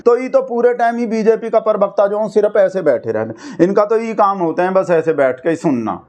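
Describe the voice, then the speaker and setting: A man's voice: sits high, lively intonation, fairly quick, darkish tone. A man giving comic, mocking commentary on news clips, chatty and full of asides. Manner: mocking, chatty, repeats "bhai sahab". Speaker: satirical commentator.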